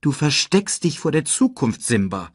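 Young lioness, earnest and insistent, put on by a male narrator; husky, lively delivery. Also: on the high side, moderate pace, no echo, clean studio sound, voice pushed up. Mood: reproachful. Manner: pleading, insistent. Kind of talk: storybook audiobook voice acting.

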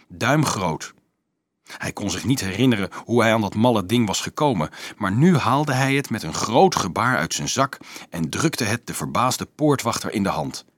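A man reading a children's novel aloud as an audiobook narrator, in a steady storytelling manner. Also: fairly low pitch, slightly rough, dry recording. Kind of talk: scripted narration.

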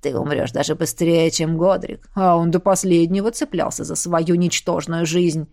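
Woman putting on a cruel mad queen, gravelly low voice, sneering slow taunts, dry close sound. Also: fairly even intonation, warm tone, no echo, close to an everyday voice. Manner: taunting, slow and relishing her words. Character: mad, gloating villainous queen, cruel and proud. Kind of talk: audiobook character voice.

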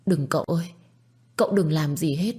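A woman's voice: low-pitched, moderate pace, warm tone, husky. A woman voicing a timid young village woman who pleads and begs. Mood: pleading. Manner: pleading, tearful begging.

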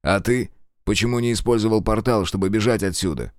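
A man's voice: lowish voice, a little fast, dry recording, clean studio sound, lightly acted. A man voicing a tough squad commander who taunts and interrogates a prisoner bluntly. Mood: hard. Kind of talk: audiobook character voice.

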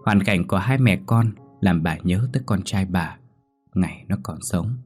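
A man's voice: low voice, normal speed, slightly rough, faint music behind. Man voicing a kindly, grieving old village woman. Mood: sorrowful. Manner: gentle, sorrowful.

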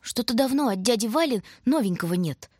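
A woman's voice: on the high side, animated, brisk, darkish tone, husky, dry recording, clean studio sound, pitched above the performer's own voice. A woman voicing a curious, eager little boy who keeps pleading insistently, in a storybook reading.

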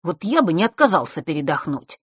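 A woman's voice: lowish voice, big pitch swings, a little fast, husky, dry recording, studio quality. Woman doing a drawling lazy camp boy. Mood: grumbling. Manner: drawling, grumbling.

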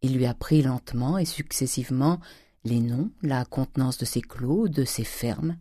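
Brief: audiobook narrator, mellow dark voice, dry close recording, steady reading. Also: medium pitch, moderate pace, no room sound. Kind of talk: audiobook reading of a classic novel.

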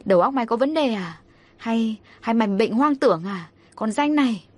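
A woman's voice: on the high side, expressive, normal speed. A woman voicing a short-tempered middle-aged mother who scolds sharply and impatiently. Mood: scolding.

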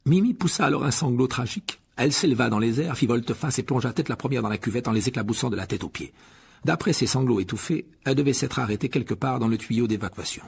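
A man narrating an audiobook chapter in an expressive storytelling way. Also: medium pitch, fast, creaky, slightly rough. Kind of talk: scripted narration.

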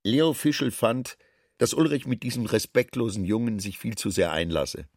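A man narrating a radio drama in a slow, expressive reading. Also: mid-range voice, no room sound, clean studio sound.

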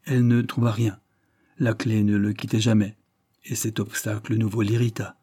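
A male narrator reads a classic short story with measured, expressive pacing. His voice is mellow and a bit husky. The sound is dry and close, with no room around it. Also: lowish voice, no room sound. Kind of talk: scripted audiobook narration.

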